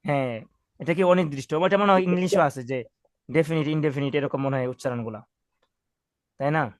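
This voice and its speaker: A man runs a classroom vocabulary drill, calling out words and patiently correcting pronunciation. His voice sits a little high for a man. The sound is close and dry. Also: a little fast, no room sound. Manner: call-and-response, patient correcting. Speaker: Arabic teacher.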